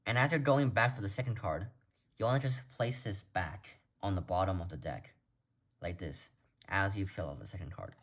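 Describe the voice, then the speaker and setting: A man's voice: low-pitched, lively intonation, moderate pace, a bit bright. A man giving a casual step-by-step tutorial as presenter, talking informally and directly to viewers. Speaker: card trick tutorial presenter.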